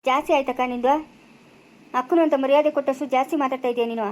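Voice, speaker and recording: A woman plays a stern village brother who lays down the law for his sister in a homemade family drama. The voice is high and quick, with a rural Chikkaballapura Kannada accent. The tone is firm and lecturing throughout. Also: steady tone, darkish tone, natural voice. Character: stern younger brother ruling the family house.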